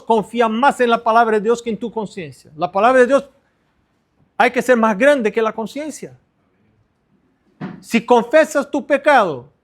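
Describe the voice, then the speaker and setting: A middle-aged pastor preaching a sermon to other pastors, earnest and repetitive, stressing short phrases. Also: male voice, extremely high pitch.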